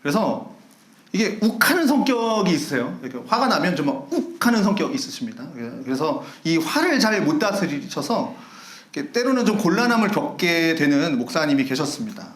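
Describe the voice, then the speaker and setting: A man preaching a sermon as pastor, telling a story with lively acted-out shouts and laughter. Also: on the high side, fairly quick, roomy sound. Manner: animated storyteller acting out angry shouts and laughing. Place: church sanctuary.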